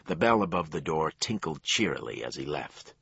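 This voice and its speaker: A man narrating a crime thriller audiobook in a measured storytelling voice. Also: very animated, creaky, fairly bright tone, husky, no echo, muffled recording. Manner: low, measured storytelling with acted dialogue.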